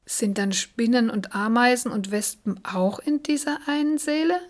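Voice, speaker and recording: A woman's voice: on the high side, normal speed, pitched above the performer's own voice, lightly acted. A woman doing a curious little girl. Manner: curious, questioning. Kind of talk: storybook reading.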